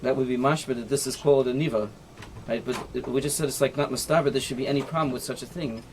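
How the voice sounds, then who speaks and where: A rabbi talks a small class through an informal lesson, showing knots with his hands as he explains each step. He keeps checking in with "right?" and drops Hebrew and Yiddish terms into his English. There is a faint hiss behind his middle-pitched voice. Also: steady tone, fast talker. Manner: demonstrates knots with his hands while talking. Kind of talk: informal halacha lesson with demonstration.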